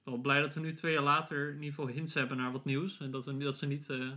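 A man's voice: on the high side, flat delivery, quick pace, sharp tone. A man co-hosting a podcast in casual chat, often hesitant and thinking aloud as he talks. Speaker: podcast co-host. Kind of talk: casual chat about records.

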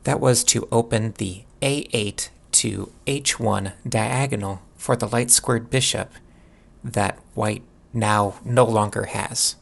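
Slow, low, gravelly male chess commentator. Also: fairly even intonation. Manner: measured, poses questions to the listener. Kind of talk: instructional chess game analysis.

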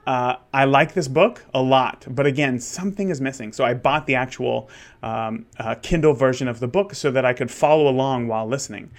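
A thirty-year-old man who shoots weddings and hosts a podcast talks candidly and quickly in a medium-pitched voice. His solo monologue rambles, with lots of restarts.

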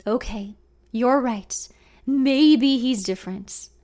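A woman's voice: on the high side, slow, a little mellow. A woman reading the lines of a cynical, protective young man who is a close friend, blunt and teasing. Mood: apologetic. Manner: blunt, teasing, then apologetic.

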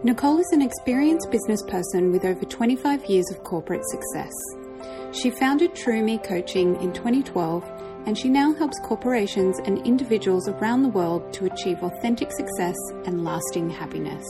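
A woman reads a podcast intro in a smooth, polished announcer voice. Clearly audible music plays beneath her throughout. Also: medium pitch, expressive, normal speed. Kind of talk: scripted show intro. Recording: over clear background music.

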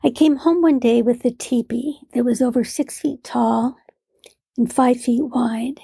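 A woman with a fairly high, husky voice tells a gentle story about her cat, often dropping into a half whisper. Her tone is mellow and gravelly. The recording is dry and close. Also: steady tone, measured pace, no echo. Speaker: cat owner telling a story. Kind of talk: personal storytelling.

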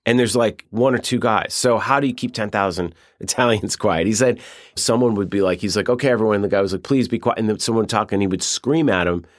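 A man's voice: fairly low pitch, no room sound, clean studio sound. Blunt, profane man telling stories. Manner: blunt, profane, fast-flowing storytelling. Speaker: film director guest. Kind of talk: casual interview talk.

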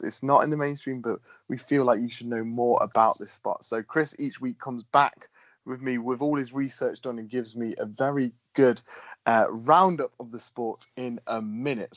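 A chatty man co-hosting a podcast, often laughing and restarting his sentences. His voice sits in a middle pitch. The recording is dry and a little dull. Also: moderate pace, dry recording. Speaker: podcast co-host. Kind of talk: casual chat.

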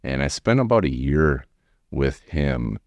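A man in his forties with an American accent, telling his story casually in a halting, rambling way as an interview guest. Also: rumbling low, very animated, no echo, lo-fi sound. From United States, Wisconsin. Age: 40s. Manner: rambling, halting, frequent "you know". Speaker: podcast guest, remodeling tradesman.

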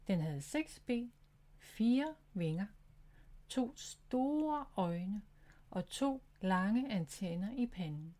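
A woman's voice: medium pitch, expressive, mellow. Woman reading a children's story. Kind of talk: scripted children's story narration.

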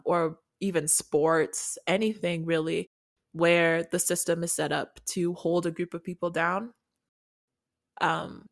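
Earnest, thoughtful woman podcast co-host. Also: fairly low pitch. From Nigeria. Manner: thoughtful, earnest, with small laughs. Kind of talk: casual podcast chat.

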